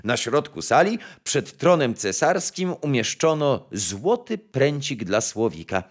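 A man narrating a fairy tale in an expressive storytelling manner. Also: medium pitch, a little slow.

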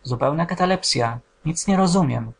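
A male narrator voicing an anxious man who leads a séance, with hushed questioning. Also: a little high, expressive, normal speed, slight background noise, pitched above the performer's own voice.

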